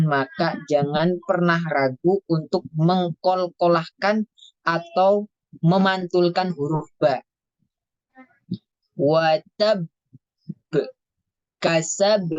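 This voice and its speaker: A teacher giving an online lesson on Quran recitation, stretching out recited phrases slowly, then explaining each point briskly. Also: medium pitch, dry recording, highs cut off. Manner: slow drawn-out recitation alternating with brisk explanation. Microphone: video call.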